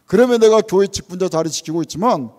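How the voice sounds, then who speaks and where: A man's voice: high-pitched, expressive, quick pace, a little mellow, big-room sound. A man, a church elder, preaching a sermon, earnest and full of rhetorical questions, now and then acting out a parent's words. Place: church sanctuary.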